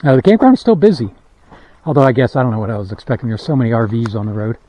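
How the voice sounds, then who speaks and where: A hiking vlogger with a medium-pitched, dark voice narrates casually on trails and at a campground, expressive and rapid-fire. He thinks aloud and rambles with lots of fillers, captured in dull lo-fi camera audio.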